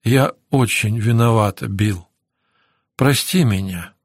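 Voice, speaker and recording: A man's voice: medium pitch, normal speed, no echo, studio quality, close to an everyday voice. A man reading as a frail, remorseful young woman. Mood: weak, subdued. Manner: quiet, subdued, near-whispered. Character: weak, remorseful young woman in a hospital bed. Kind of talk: audiobook character reading.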